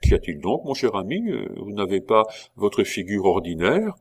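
A man voicing a curious, gossipy gentleman. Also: on the low side, big pitch swings, normal speed, breathy edge. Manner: inquisitive and teasing.

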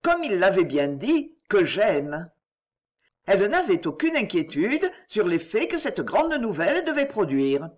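A woman reads a classic novel aloud in scripted narration. Her reading is measured and expressive, with a lively, animated melody through long sentences. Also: medium pitch. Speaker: audiobook narrator.

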